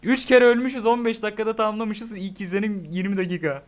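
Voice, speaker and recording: A young man giving excitable, joking let's-play commentary, shouting at the game. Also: high-pitched, fast talker. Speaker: gaming YouTuber.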